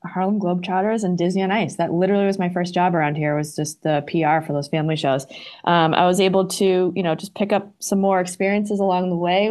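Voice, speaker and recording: A woman's voice: medium pitch, a little mellow. Chatty middle-aged woman with a Boston accent. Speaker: interview guest, arena marketing director. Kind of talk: casual, chatty interview talk.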